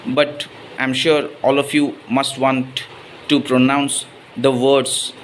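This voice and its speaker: A man's voice: medium pitch, level tone, slow pace, a little hiss or hum. A man from Odisha with an Odia accent and Odia as his first language, giving a spoken English pronunciation lesson and mixing in Hindi. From Odisha, India. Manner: mixes Hindi into English, repeats "right?". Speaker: English teacher.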